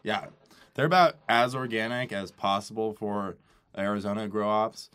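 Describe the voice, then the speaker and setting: A man co-hosting a casual chat, blunt and teasing, reacting quickly to the others. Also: fairly low pitch, steady tone, fairly bright tone, clear, resonant tone. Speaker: podcast co-host.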